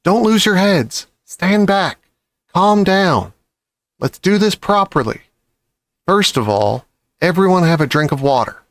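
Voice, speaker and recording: A man acts out a daring father fox from a children's storybook. He is commanding and self-satisfied, with excited cheer, pitched up and recorded dry and close. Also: unhurried, no echo.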